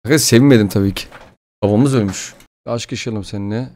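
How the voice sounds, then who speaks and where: A young man playing a life-simulation game and commenting fast in a casual, excitable way, often jumping into loud, high outbursts and joking curses. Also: very noisy. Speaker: gaming YouTuber. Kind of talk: gameplay commentary.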